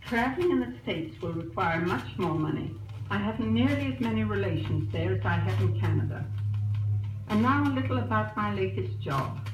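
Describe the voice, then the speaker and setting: A woman's voice: mid-range voice, expressive, normal speed, distant mic. A woman chatting through a spoken letter to her family back home, heard as an old disc recording. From Australia. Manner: chatty, newsy storytelling. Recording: noisy echoey old disc recorded from afar.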